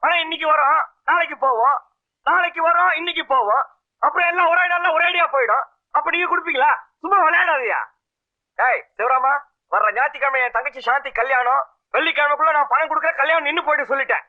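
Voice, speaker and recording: A man's voice: very high voice, quick pace. An actor playing a desperate man chasing a debt for his sister's wedding, talking in a pleading, bitter, emotional way. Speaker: film actor. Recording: tinny phone-like remastered film audio with music.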